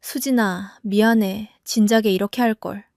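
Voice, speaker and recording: A woman voicing an earnest young husband who pleads but stands firm, in a lowered voice. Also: fairly even intonation, normal speed, a little mellow, no room sound, clean studio sound, natural voice.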